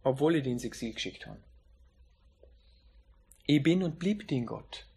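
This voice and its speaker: Male preacher, mid-pitched, emphatic sermon delivery with drawn-out key lines. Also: lively intonation, gravelly, dark tone, slightly rough.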